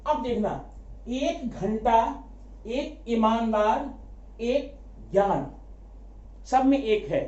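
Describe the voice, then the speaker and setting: A man teaching a grammar lesson, asking quick rhetorical questions, answering them himself and repeating key words for emphasis. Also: very high-pitched, lively intonation, a little mellow. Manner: addresses students familiarly as brother. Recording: echoey room, dull lo-fi sound.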